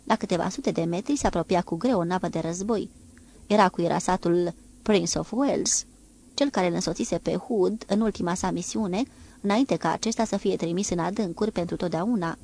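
A woman reading an audiobook in a steady, measured way. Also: fairly low pitch. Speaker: audiobook narrator. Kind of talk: audiobook narration of a naval novel.

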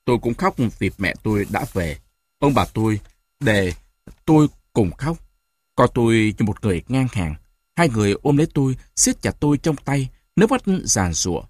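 Expressive male audiobook narrator. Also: mid-range voice, moderate pace, no room sound. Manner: expressive storytelling.

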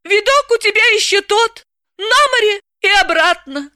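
A woman's voice: extremely high pitch, lively intonation, normal speed, pushed and bright, dry recording, studio quality, pitched above the performer's own voice, heavily acted. A woman reader voicing a gleeful, mocking young female friend with a squealing manner. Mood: teasing.

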